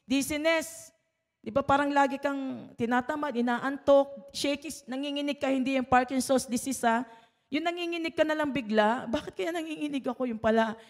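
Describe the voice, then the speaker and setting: A woman's voice: fairly high pitch, big-room sound. A woman pastor giving a conversational sermon, listing points and often checking in with the listeners through tag questions.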